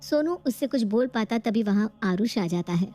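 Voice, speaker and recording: A woman narrating a cartoon moral story in an even storytelling manner. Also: on the high side, normal speed, soft background music.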